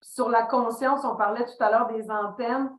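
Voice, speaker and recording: In an echoey room, a middle-aged woman with a Québécois French accent, a leadership consultant appearing as a podcast guest, reflects on her career. She tells stories with animation and acts out remembered dialogue. Her voice is fairly high and her speed normal.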